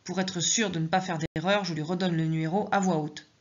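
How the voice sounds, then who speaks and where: A woman with a lowish voice reading her own suspense story in the first person. Her narration is measured and tense. The recording is dull and lo-fi. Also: steady tone.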